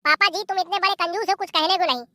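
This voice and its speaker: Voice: very high voice, fairly even intonation, fast, sharp tone, dry recording, studio quality, heavily acted. A performer voicing an aggrieved young son-in-law who complains to his father-in-law in a cartoon. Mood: complaining.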